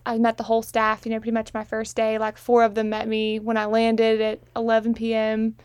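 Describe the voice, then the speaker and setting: A woman's voice: on the high side, completely flat delivery, a little fast, darkish tone, clear, resonant tone, dry recording, clean studio sound. A young woman hosting a casual chat, telling personal stories in a chatty way with small laughs sprinkled in. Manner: chatty, anecdotal storytelling with frequent small laughs. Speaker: host.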